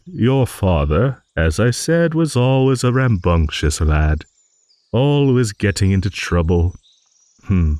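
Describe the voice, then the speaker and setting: In an improvised fantasy audio roleplay, a man gives voice to an ancient, genial dragon who rambles and muses like a refined, hesitant old gentleman. His voice is low, the recording dry, and the mood musing and nostalgic.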